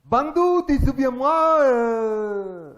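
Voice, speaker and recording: A man's voice: lively intonation, slow, exaggerated voice. A man doing a sing-song boxing coach, mock Chinese accent. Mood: greeting. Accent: mock Chinese, broken French. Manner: high-pitched, sing-song, proverb-quoting. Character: small male boxing coach, folksy and preachy.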